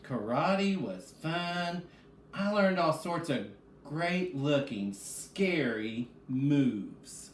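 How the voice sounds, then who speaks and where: A male reading teacher leads a read-aloud lesson, speaking directly to the children and asking questions that he then answers himself. His voice is fairly high and expressive, very slow, and recorded in an echoey room with faint background noise.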